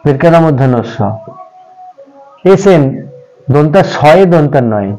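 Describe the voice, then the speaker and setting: A man's voice: on the high side, measured pace, warm tone, rough recording. A man teaching an English pronunciation lesson, patiently repeating examples and speaking to viewers as friends.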